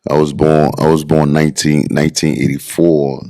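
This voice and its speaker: A man in his forties with a very low, deep voice. He talks as a podcast guest in a loose, slangy way, full of street phrases. His storytelling is casual and unhurried. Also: flat delivery, dark tone. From Liberia. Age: 40s. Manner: loose slangy hype talk. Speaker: guest bodybuilder.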